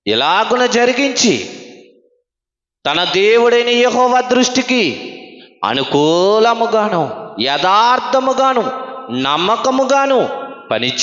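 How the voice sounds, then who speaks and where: Fervent preaching man in an echoey hall. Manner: fervent preaching with sharp swings between loud high and low. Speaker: pastor. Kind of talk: sermon. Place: church hall. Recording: echoey hall, dull sound.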